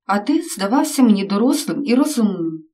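A woman's voice: mid-range voice, very animated, a little fast, warm tone, distant mic, natural voice. A woman reading out the lines of a worried mother who questions and reproaches her son. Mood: reproachful.

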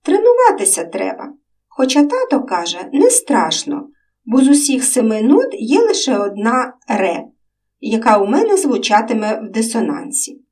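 A woman's voice: a little high, big pitch swings, normal speed, a little mellow, distant mic. A woman voicing an earnest young boy who dreams of protecting everyone, in a storybook reading. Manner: earnest, eager, a bit shy.

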